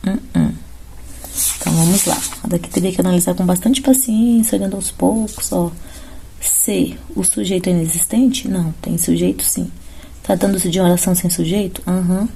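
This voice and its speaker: A woman's voice: lowish voice, fairly even intonation, normal speed, gravelly, mellow, breathy edge. A woman teaching grammar for exam prep, explaining step by step and often checking in with her students. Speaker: Portuguese teacher. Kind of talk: exam-prep lesson going through questions.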